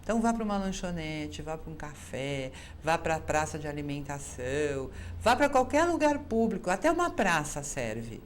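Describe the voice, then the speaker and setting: Speaking in a deep voice at normal speed with few pauses, this Brazilian-accented woman presents an advice program as a psychologist. She talks right to her audience, animatedly voicing the quoted lines on her own, over a faint hiss or hum.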